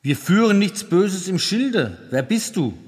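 Friendly horseman leader, voiced by a male reader, calls out slow and soothing, echo tail. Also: sits high, big pitch swings, darkish tone, voice pushed up. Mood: calling out. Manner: soothing and reassuring.

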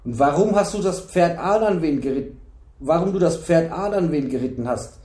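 An indignant young knight, read by a man in an audiobook, firing off pointed questions one after another. The voice sits fairly high and keeps up the pressure. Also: animated, normal speed, warm tone, reverberant, lightly acted. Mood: pressing. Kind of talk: audiobook reading.

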